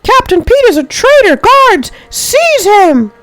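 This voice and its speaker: A plucky little cartoon mouse, put on by a woman pipes up far above a normal talking pitch. The delivery is exclamatory and animated, fit for a children's storybook. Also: slow pace, dry recording, faint music behind, heavily acted. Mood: urgent, commanding. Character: plucky cartoon mouse, a pauper posing as prince.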